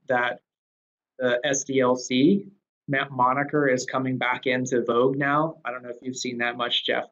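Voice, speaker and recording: A man at an everyday mid pitch, talking through ideas in a casual discussion. He thinks aloud with plenty of fillers and restarts. The audio is a little dull and lo-fi. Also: a bit bright. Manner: thoughtful, with frequent fillers and restarts. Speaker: guest speaker on DevOps. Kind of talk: conversational discussion.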